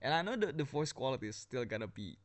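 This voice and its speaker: A man's voice: medium pitch, big pitch swings, quick pace, dry recording. Breathless rambling young man, dry sound. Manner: rambling with many restarts, joking. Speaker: video game skin reviewer. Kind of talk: casual unscripted commentary. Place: under a blanket at home. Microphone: built-in device mic without headset.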